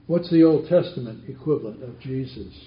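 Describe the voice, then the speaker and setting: A man's voice: medium pitch, animated, a little fast. A man teaching a Bible study class, asking the group questions and repeating their answers back. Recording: roomy, dull lo-fi recording.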